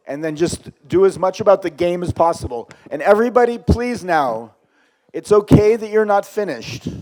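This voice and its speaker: A middle-aged man leading a workshop for a live group, animated and shifting between loud and quiet. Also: a little high. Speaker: workshop leader.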